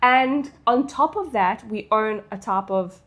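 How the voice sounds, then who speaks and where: A woman's voice: fairly high pitch, lively intonation, measured pace, a bit bright. A woman with a South African English accent, chatting casually as she answers questions as a content creator. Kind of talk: casual Q&A chat.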